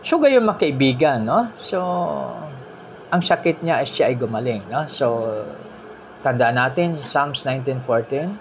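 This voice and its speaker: A man preaching a sermon, telling stories in an animated way, mixing in English phrases and ending points with "no?". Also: measured pace, a little hiss or hum. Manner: animated storytelling, voice rising high when quoting people; mixes English phrases into the preaching, frequent "no?" tags.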